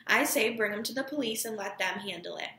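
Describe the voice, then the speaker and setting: A woman reading aloud the lines of a calm older man who soothes and reasons with others. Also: mid-range voice, fairly quick, reverberant. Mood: soothing.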